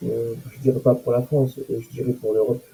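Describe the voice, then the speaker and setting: A man's voice: mid-range voice, level tone, fairly quick, dark tone, breathy edge, rough recording. A man giving casual, sarcastic commentary on news items and comments, with mocking asides.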